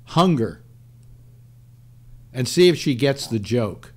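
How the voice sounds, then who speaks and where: A man's voice: medium pitch, very animated, slow, a little mellow. Give me an older male host who rambles and jokes through a loose panel chat. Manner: rambling, repeats himself, joking.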